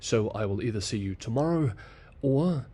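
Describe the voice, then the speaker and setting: Husky guy reading out news analysis, steady delivery, quotes said a bit louder. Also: medium pitch. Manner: measured, reads quotes aloud with lifted voice. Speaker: solo news commentator. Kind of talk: news analysis read from script.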